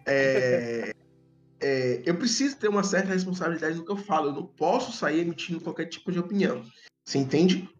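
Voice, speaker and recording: A man with a fairly high voice and a slushy, tongue-tied lisp hosts a casual podcast. He repeats and trips over words, poking fun at himself. The sound is dull and lo-fi, with music behind him. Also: animated, brisk. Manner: stumbles over and repeats words, self-deprecating. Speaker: podcast host. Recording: dull lo-fi audio, background music.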